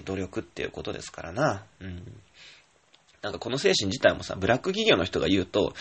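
A man's voice: deep voice, vocal fry, a bit bright, slightly rough. A man hosting a casual solo radio talk, rambling and self-mocking, with many fillers. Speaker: radio show host and theater director.

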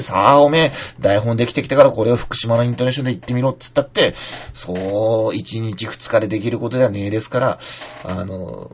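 A man's voice: mid-range voice, creaky, breathy edge. A man raised in Fukushima hosting a casual podcast, reading listener mail and slipping into Fukushima dialect to demonstrate lines. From Fukushima, Japan. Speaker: podcast host, playwright.

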